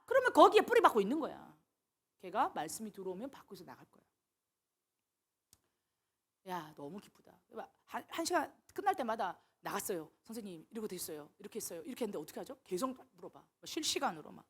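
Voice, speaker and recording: A woman's voice: mid-range voice, sing-song, fast, husky. A woman missionary preaching a sermon, telling stories animatedly and acting out the dialogue she quotes.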